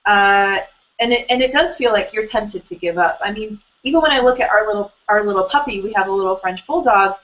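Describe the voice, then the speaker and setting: A woman's voice: medium pitch, a little fast. A woman hosts an online hangout in an easy, conversational way, circling back through fillers and restarts as she talks. Her voice sits in a middle range. The sound is dull and lo-fi, like audio from a web call. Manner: chatty, rambling with many fillers and restarts. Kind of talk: casual conversational interview.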